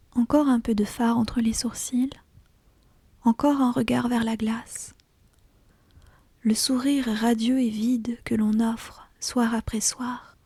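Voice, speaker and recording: A woman reading literary fiction as an ASMR audiobook in a hushed, breathy, deliberate whisper, close to the mic. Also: fairly high pitch, dry recording. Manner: slow, hushed, deliberate storytelling. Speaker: audiobook reader.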